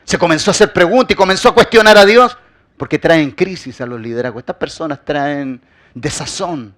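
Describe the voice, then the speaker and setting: Fairly high-pitched and fairly quick, this man gives a sermon as pastor. He piles on rhetorical questions and repeats himself for emphasis, often letting the ends of phrases drop quiet.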